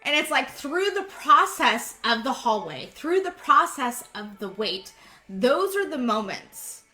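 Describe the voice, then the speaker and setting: A woman's voice: high-pitched, big pitch swings, measured pace, sharp tone. A woman giving a heartfelt faith devotional, earnest and repeating phrases for emphasis. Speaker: speaker giving a devotional message.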